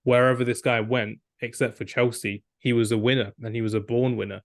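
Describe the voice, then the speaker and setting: A man's voice: mid-range voice, little pitch movement, a little fast, no echo, studio quality. A young man co-hosting a football podcast, rambling enthusiastically and acting out quotes. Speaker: podcast co-host. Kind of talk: casual football debate.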